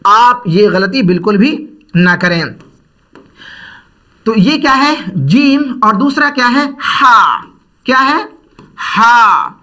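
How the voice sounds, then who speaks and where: High-voiced man teaching slow letter drills. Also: sing-song, bright, forceful tone. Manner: drills letters with question and answer, repeating sounds; stretches out Arabic letter sounds slowly. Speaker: Quran reading teacher. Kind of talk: slow patient online lesson.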